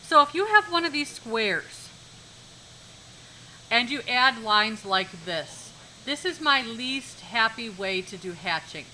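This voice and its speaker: A woman's voice: a little high, sing-song, slow pace, bright, forceful tone, slight background noise, rough recording. A woman art teacher giving a live demonstration lesson in a classroom, instructive, repeating key points and checking that students follow.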